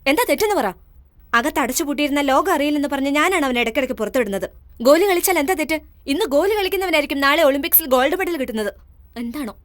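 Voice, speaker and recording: A bold, sharp-tongued young aunt. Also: female voice, sits high, lively intonation, no echo. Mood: indignant. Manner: bold, scolding, quick-tongued. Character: spirited young woman defending her young nephew. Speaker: dubbing actress. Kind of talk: Malayalam film dub. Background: film score.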